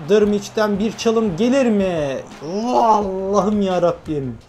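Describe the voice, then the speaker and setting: A young man from Turkey giving lively, self-talking commentary while playing a football video game, urging on his players. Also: high-pitched, slow, a little hiss or hum. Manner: animated, talks to himself and his players, frequent laughs. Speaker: gaming YouTuber. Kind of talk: excited gameplay commentary.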